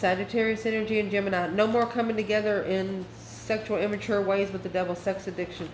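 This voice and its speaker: A mid-pitched woman, a tarot card reader who hosts her own channel, gives an informal reading in a folksy, emphatic way, calling her listeners by endearments. She talks fast with fairly even intonation. The recording carries a roomy echo and a faint layer of background noise.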